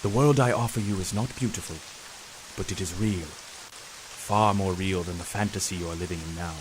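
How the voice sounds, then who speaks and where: A man playing a grave, persuasive professor in an audio drama, measured, formal and earnest. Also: low-pitched, noisy background, close to an everyday voice. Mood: solemn, persuasive. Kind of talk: scripted audio drama acting.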